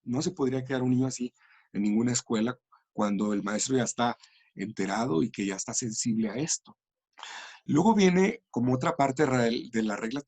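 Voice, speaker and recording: Husky-voiced man explaining patiently. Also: medium pitch, a little mellow, no room sound. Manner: thoughtful, with fillers and restarts. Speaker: education and language researcher. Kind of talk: explanatory interview talk.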